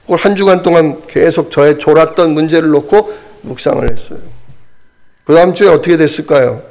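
A middle-aged man preaching a storytelling sermon, animated and wry, laughing at himself as he tells it. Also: fairly high pitch, fairly quick.

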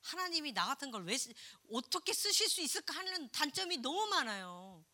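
A woman, a pastor's wife, preaching a sermon in an animated, playful way, with laughing asides and sudden drops to a hush. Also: sits high, brisk.

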